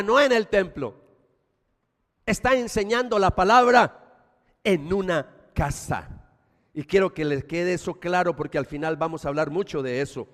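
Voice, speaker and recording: A man with a Colombian Paisa accent preaching a sermon as pastor, animated, with loud emphasis and quiet asides. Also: high-pitched, long reverb tail.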